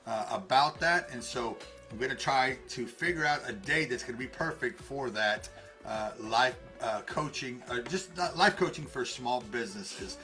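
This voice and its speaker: Man, casual live-stream co-host, rambling and self-correcting, bright voice. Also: mid-range voice, moderate pace, faint music behind. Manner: rambling, friendly, self-correcting with many fillers. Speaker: co-host and life coach.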